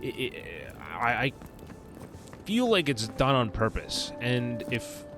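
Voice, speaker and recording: A man's voice: mid-range voice, huge pitch swings, slow pace, music in the background. A man doing casual live commentary on a video game as a streamer, slangy and rambling.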